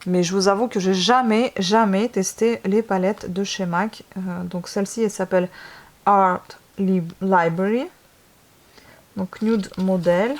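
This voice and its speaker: A woman's voice: mid-range voice, steady tone, unhurried. A woman beauty vlogger in a casual unboxing video. She talks enthusiastically and gushes often, with many hesitations. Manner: gushing, enthusiastic, lots of hesitations.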